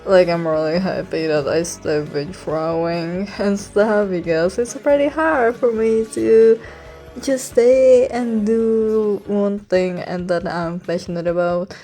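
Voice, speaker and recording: A young woman from Czechia with a Czech accent, chatting casually for a vlog in a hushed, awkward, self-conscious and apologetic way. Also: medium pitch, slow pace, faint music behind. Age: young adult. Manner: keeping voice hushed so as not to be heard in the house. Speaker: online video creator. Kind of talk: casual rambling vlog chat.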